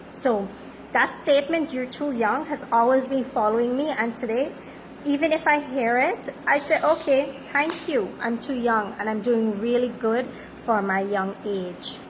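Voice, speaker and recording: A woman in her thirties talks as a life coach in a confident, self-affirming way. Her voice sits on the high side. Clear background noise runs under the recording. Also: poor audio. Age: 30s. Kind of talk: motivational monologue.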